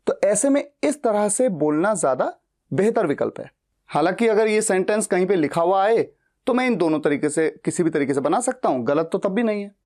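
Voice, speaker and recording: A man's voice: sits high, expressive, darkish tone. A man teaching spoken English in a grammar lesson, patiently explaining with repeated examples and asking questions he then answers himself. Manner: reads English example sentences slowly and deliberately.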